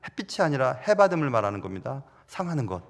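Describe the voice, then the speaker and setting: A middle-aged man preaching a Sunday sermon, telling stories with sudden loud rises and soft drops. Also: mid-range voice, big pitch swings, quick pace, in a large hall. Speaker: pastor. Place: large church sanctuary.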